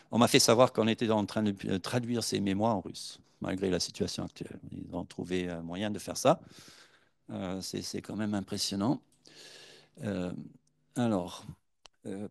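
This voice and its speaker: A man with a low, gravelly voice delivers a university lecture. He talks in a chatty, anecdotal way, pausing often on filler sounds. The sound is close and dry, with no room around it. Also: no echo. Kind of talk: university conference talk with slides.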